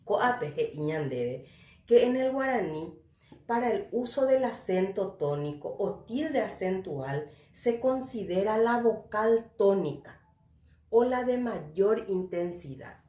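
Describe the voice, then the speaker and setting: A woman teacher from Paraguay with a Paraguayan accent giving a recorded lecture, talking in a slow, didactic way with frequent tag questions. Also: mid-range voice, expressive, warm tone, echoey room. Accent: Paraguayan Spanish. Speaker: university Guarani teacher.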